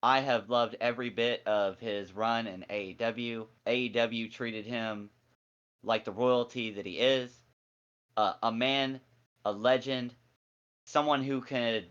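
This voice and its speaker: A man in his forties co-hosting a casual wrestling review, excitable and jokey with a lot of slang. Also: medium pitch, dull audio. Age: 40s. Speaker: co-host.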